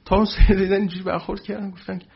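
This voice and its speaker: A man telling a religious anecdote to a live audience, animated and acting out the people in his story. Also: high-pitched, vocal fry, slightly rough, dull audio.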